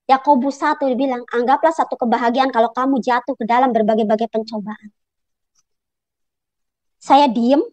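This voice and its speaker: A woman's voice: sits high, no echo. A woman in her thirties giving a personal testimony to a congregation, telling her story earnestly and emotionally, with many casual fillers.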